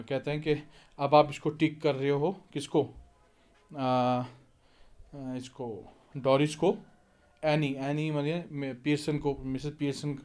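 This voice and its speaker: Man slowly explaining a play. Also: medium pitch, a little mellow. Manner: reads English lines slowly, then explains in Hindi with fillers. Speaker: English teacher. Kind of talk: explaining a play line by line in Hindi.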